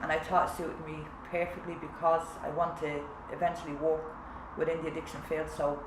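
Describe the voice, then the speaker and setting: An Irish woman, a mother of three who works as a peer support worker, chats casually about her project work in a recorded testimony. Her voice is deep, flat in delivery, and fairly quick. The room is echoey, with clear background noise.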